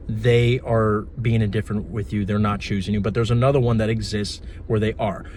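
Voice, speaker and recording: A man's voice: medium pitch, a little hiss or hum. Blunt, profane man coaching. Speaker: manifestation coach. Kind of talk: casual advice vlog.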